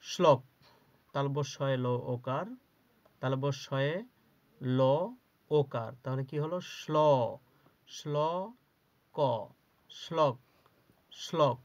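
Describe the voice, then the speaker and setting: A man's voice: mid-range voice, slow pace, long pauses. A man teaching a spelling lesson to children, spelling each word out syllable by syllable and answering his own questions. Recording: dull lo-fi recording.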